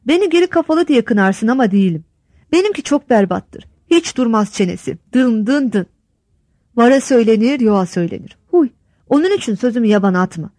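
A woman's voice: a little high, lively intonation, fairly quick, dark tone, no echo. A woman voicing a blunt, opinionated old male village headman who lectures in folksy sayings, in a read-aloud story. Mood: lecturing.

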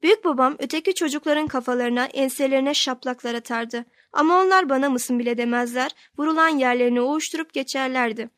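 Higher-voiced woman reading a novel aloud. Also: fast, few pauses, fairly bright tone, no echo, studio quality. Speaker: audiobook narrator. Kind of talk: scripted narration of a novel.

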